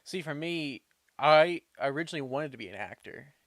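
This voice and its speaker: A man's voice: on the high side, animated, normal speed, a bit bright, dry recording. A young adult man hosting an interview podcast, asking questions eagerly and laughing along with his guest. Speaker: podcast host. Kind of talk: casual interview conversation.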